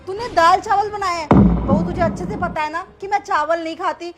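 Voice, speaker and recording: A woman's voice: very high voice, fairly quick, over loud music. A woman playing a scheming middle-aged mother-in-law who talks in a pleading, whiny way. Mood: annoyed.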